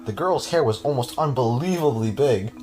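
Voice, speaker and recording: A man's voice: medium pitch, expressive, moderate pace, darkish tone, faint music behind. A man hosting a podcast, reading a horror story aloud with casual, chuckling asides to his cohost.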